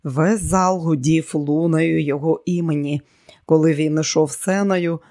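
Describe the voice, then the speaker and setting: A man's voice: a little high, a little mellow, dry recording. Man narrating an audiobook, dry sound.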